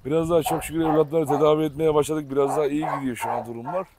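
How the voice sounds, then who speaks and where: A man's voice: on the high side, fairly even intonation, rapid-fire, noisy background. Weary man vlogging among barking dogs. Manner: weary, frank, speaks straight to viewers. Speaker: vlogger and dog keeper. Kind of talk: casual vlog talk to viewers. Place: outdoor yard with many dogs.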